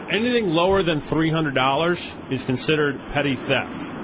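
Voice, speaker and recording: Higher-voiced male attorney explaining on noisy radio. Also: lively intonation, normal speed. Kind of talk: informal legal question-and-answer. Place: radio studio. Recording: muffled broadcast with noticeable background noise.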